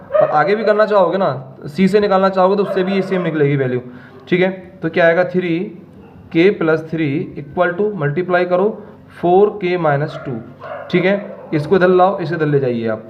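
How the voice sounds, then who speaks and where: A man's voice: on the high side, lo-fi sound. A male maths teacher explaining problems step by step and checking in with his students. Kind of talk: classroom maths lesson.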